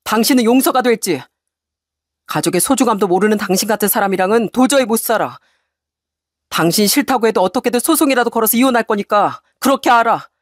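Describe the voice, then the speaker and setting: A woman's voice: fairly high pitch, expressive, fast, no echo, studio quality. Woman voicing a cold, firm husband. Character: cold, resolute middle-aged husband. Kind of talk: story radio reading.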